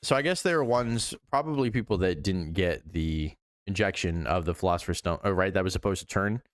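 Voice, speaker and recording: A man's voice: sits low, animated, fairly quick, no room sound, studio quality. A man giving casual, sweary reaction commentary as a streamer, with incredulous asides.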